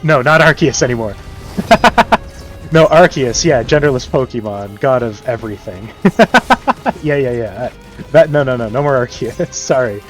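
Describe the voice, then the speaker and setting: A man's voice: medium pitch, animated, unhurried. A man streaming a game and chatting casually, rambling with many fillers and frequent chuckles. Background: game music.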